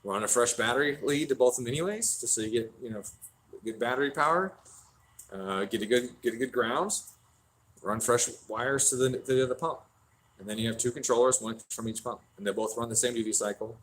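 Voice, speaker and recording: A man's voice: mid-range voice, brisk, a bit bright. A man hosting a casual stream from a tuning shop, swearing freely and answering viewer questions. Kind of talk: casual livestream chat.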